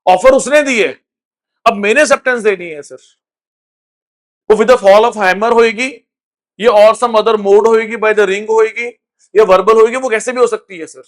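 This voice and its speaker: A man's voice: sits high, unhurried, long pauses. A man with an Indian accent teaching a recorded law lecture, switching between Hindi and English, ending phrases with "sir" and asking if students follow. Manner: mixes Hindi and English, tags lines with "sir", asks checking questions.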